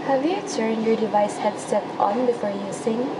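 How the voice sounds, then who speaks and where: A woman's voice: a little high, normal speed, natural voice. A young woman playing a courteous call center agent, reciting a script. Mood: courteous, instructing. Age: young adult. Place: indoor room. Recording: distant mic, loud background hum.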